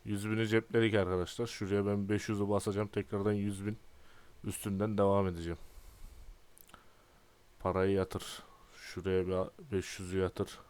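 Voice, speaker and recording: A young man in his twenties giving casual, exasperated gameplay commentary and often clearing his throat. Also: on the low side, little pitch movement, moderate pace, long pauses, a little mellow. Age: 20s. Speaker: gaming YouTuber.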